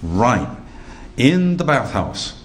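An older man giving a lecture over slides, animated and emphatic, slowing right down to stress key points. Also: mid-range voice.

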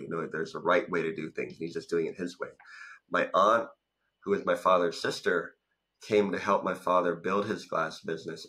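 Low-pitched, bright, and forceful, the voice comes from a thirty-something man from Thailand who coaches businesses and founded his own. He is a talkative guest in an informal interview, telling his business story with lots of "like" fillers. The session runs as a video call from his home, captured on a studio mic in front of him.

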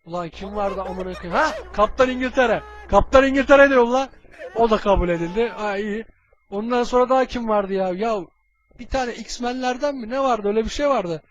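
A man's voice: high voice, brisk, dull audio, natural voice. A man dubbing a flustered, swearing male cartoon villain in a comedic fan dub. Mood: muttering.

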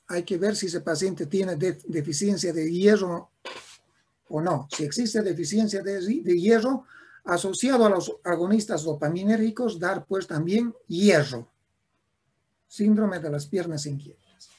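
Slow husky male medical lecturer. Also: sits high, darkish tone. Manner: slow, repetitive, with frequent restarts and checks of "¿ya?". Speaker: neurology lecturer. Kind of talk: classroom lecture.

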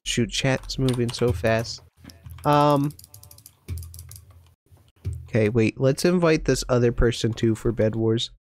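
A man's voice: mid-range voice, slow pace, pauses often. Flustered young man streaming a game. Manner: flustered, rambling, lots of ums and restarts. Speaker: gaming streamer. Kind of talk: casual live-stream chat.

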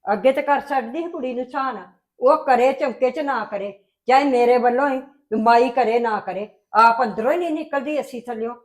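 A sharp-tongued older grandmother in a homemade family drama, grumbling with suspicion about a newcomer, played by a woman. The voice sits high and stays in everyday talk. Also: normal speed, close to an everyday voice. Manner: scolding, gossipy complaint. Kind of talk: amateur family web drama.

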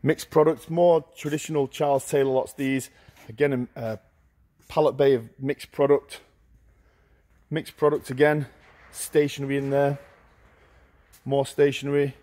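A middle-aged man walking through a large warehouse, listing auction lots in short, brisk phrases as he goes. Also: mid-range voice, flat delivery, dark tone. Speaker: auctioneer giving a viewing tour. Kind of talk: walking tour commentary. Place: large indoor warehouse with shelving.

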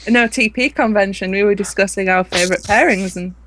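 A woman's voice: mid-range voice, quick pace, a bit bright, a little hiss or hum, rough recording. A woman guest on a gaming podcast, playful and teasing in casual banter.

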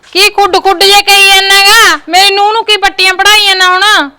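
An actress playing a sharp-tongued, nagging village mother with a Punjabi accent. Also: extremely high pitch, little pitch movement, a little fast, slight background noise. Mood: scolding. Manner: scolding, nagging. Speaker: mother and sister-in-law.

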